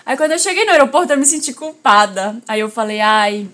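A woman from Belém telling a personal story in casual chat, lively and acting out the voices of the people in it. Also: high-pitched, quick pace, very noisy. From Belém, Brazil. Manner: animated storyteller, acts out quoted voices. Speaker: guest telling a pregnancy story.

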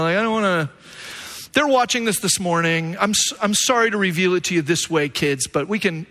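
Male pastor, bright and forceful tone, animated sermon delivery with self-deprecating humor. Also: high voice.

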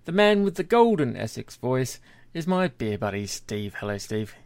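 A man's voice: medium pitch, very animated, normal speed, a little mellow. A man with a British accent presenting a podcast in a casual, chatty style, as its host.

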